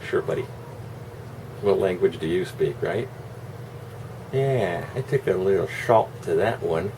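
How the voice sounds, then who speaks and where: A man's voice: sits low, animated, a little slow, distant mic. A man giving a casual, opinionated monologue in a rambling, sarcastic, salty way. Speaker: online video host. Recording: constant air-conditioner hum, noisy room.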